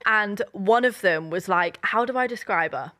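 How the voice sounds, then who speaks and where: A woman's voice: mid-range voice, normal speed, fairly bright tone, dry recording, clean studio sound. A woman in her twenties, co-hosting a podcast and telling stories in a chatty, rambling way full of fillers. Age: 20s. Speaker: podcast co-host. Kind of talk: casual chat.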